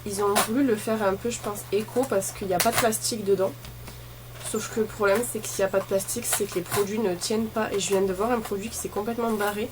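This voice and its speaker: A woman chats informally in the manner of a beauty vlogger, thinking aloud and wandering from one remark to the next. Her pitch is average for a woman. The recording carries clear ambient noise behind her. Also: steady tone, quick pace. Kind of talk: casual chat while opening advent calendars.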